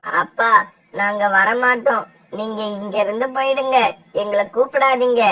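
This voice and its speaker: A defiant cartoon crow boy who firmly refuses his parents, as a woman acts him out. His voice is fairly high and sounds set back from a slightly distant mic. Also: normal speed, a bit bright, lightly acted. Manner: firm, defiant. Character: eldest son crow, stubborn child. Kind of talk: cartoon voice acting.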